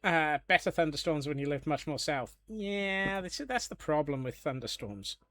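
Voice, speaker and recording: A man's voice: a little high, expressive, normal speed, bright, forceful tone, dry recording, faint music behind. A man from Scotland chatting casually on a live gaming stream, joking along with viewers and answering their questions. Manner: chatty and jokey, answering chat.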